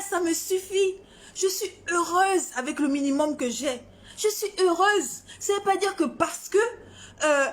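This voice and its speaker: Defiant high-voiced woman from Gabon. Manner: defiant, confrontational, repetitive. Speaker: singer. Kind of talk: heated social media rant.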